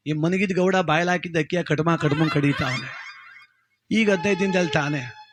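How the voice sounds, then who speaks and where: A man telling a comic village folk story in a lively, chatty way. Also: a little high, normal speed. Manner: lively, chatty, addresses listener.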